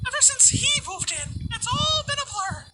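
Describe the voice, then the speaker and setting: Mickey Mouse, eerie and squeaky, as a woman voices him. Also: sing-song, moderate pace, background noise. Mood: cryptic. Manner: rambling, cryptic, laughing oddly. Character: eerie confused male cartoon mouse. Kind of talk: fan dub voice acting.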